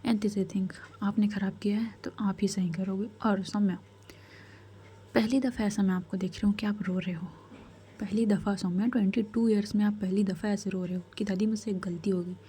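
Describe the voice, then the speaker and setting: A woman voicing a calm, commanding royal grandmother who gives measured, firm advice. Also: mid-range voice, a little hiss or hum, natural voice. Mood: firm counsel.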